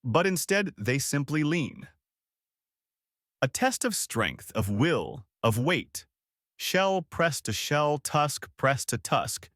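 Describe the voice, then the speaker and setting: Guy narrating a nature doc, calm and wry, swoops up and down a lot, dry close mic. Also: a little high, slow, dry recording. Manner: calm and wry, speaking to the listener as "you". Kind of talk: scripted nature documentary narration.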